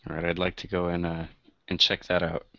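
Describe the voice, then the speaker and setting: A man with a very deep, bright-toned voice plays in a tabletop game. He talks haltingly with many fillers. The recording sounds dull and lo-fi. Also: monotone, gravelly, no room sound. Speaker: player. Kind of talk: tabletop role-play.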